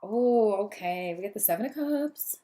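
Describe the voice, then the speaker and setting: A woman's voice: mid-range voice, normal speed. Chatty, gushing woman reading tarot. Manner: chatty, gushing, long-winded, easily excited. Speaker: tarot reader. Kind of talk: casual tarot reading to camera. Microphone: camera.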